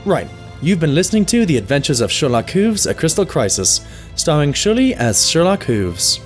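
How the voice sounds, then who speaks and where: Guy playing an earnest pony doctor sidekick narrating, very animated voice, cartoon radio play, light music behind. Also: on the high side, moderate pace. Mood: announcing. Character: loyal, thoughtful stallion doctor, detective's companion. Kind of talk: storytelling narration in cartoon audio drama.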